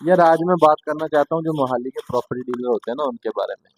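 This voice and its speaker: A man's voice: a little high, fast. A man doing stand-up, telling a chatty comic story and acting out both sides of conversations.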